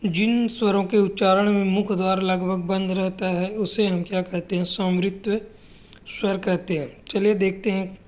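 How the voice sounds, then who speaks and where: A woman teaching a grammar lesson, asking her students questions and answering them herself, and repeating sounds slowly for them to copy. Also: medium pitch, flat delivery, a little mellow.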